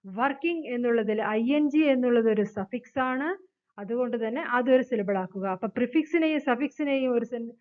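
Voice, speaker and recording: A woman with a Malayali accent teaching an English grammar lesson, reading the English rules slowly and explaining them at length. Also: on the high side. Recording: phone-like narrow sound.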